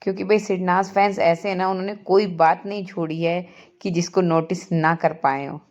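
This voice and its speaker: A woman's voice: lowish voice, steady tone, moderate pace, a little mellow, lo-fi sound. A woman hosting a celebrity gossip video, chatting eagerly and speaking straight to her viewers as "guys". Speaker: entertainment news video host.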